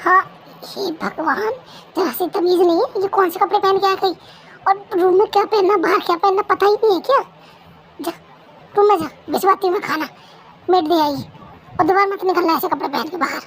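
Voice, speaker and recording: A woman voicing a strict, sharp-tongued middle-aged mother-in-law who scolds about manners. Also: extremely high pitch, moderate pace, a little hiss or hum. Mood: disapproving.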